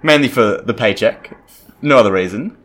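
A man co-hosting a sports podcast in casual chat, with a dry, deadpan sense of humour. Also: on the low side, moderate pace. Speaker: podcast co-host.

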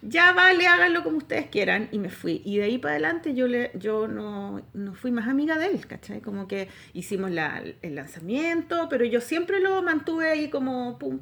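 Animated Chilean woman telling a story. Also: a little high, moderate pace, vocal fry, hardly any pauses. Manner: animated storyteller acting out quoted voices. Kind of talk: casual chat.

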